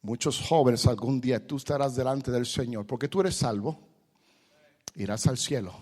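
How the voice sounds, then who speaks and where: A man preaching an impassioned sermon at a church youth conference, building to loud, fervent shouts. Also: medium pitch, normal speed.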